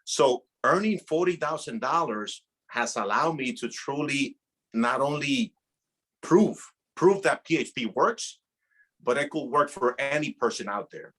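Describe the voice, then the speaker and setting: A Puerto Rican man in his thirties, an insurance agency director, tells his story as a guest on a casual podcast interview. His mid-range voice is a little slow with a breathy edge, captured in a low-quality recording. He speaks with earnest, animated energy, repeating words and frequently restarting.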